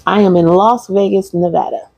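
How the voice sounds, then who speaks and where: Ending her livestream class casually, a holistic practitioner from Michigan talks to viewers in a meandering, repetitive manner. She speaks at a moderate pace in a fairly low, darkish voice with vocal fry, recorded without room sound.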